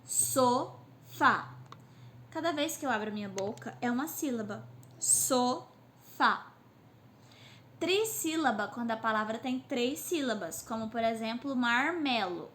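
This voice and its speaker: Lady teacher, kinda high voice, sounds words out slow for the kids, phone mic, bit of hiss. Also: lively intonation. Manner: slow syllable-by-syllable drilling. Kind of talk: online class lesson. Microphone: phone on a stand.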